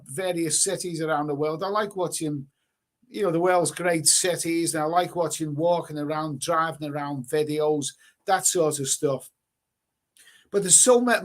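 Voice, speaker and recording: A man hosting a casual live stream, reading out chat comments and rambling with many repeated words and casual swearing. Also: a little high. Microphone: webcam stream mic.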